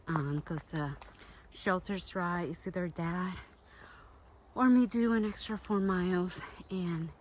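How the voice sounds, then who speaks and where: A woman hiker chatting to her camera outdoors on a trail, thinking aloud and sometimes out of breath. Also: lowish voice. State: out of breath while hiking uphill. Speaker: long-distance hiker. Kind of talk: casual trail vlog. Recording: noisy outdoor recording.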